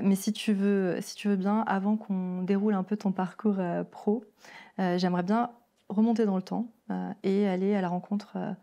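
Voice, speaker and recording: A woman's voice: medium pitch, warm tone. A woman hosting a podcast interview, rambling and hesitant with many fillers and small laughs. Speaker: podcast host. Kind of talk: casual interview.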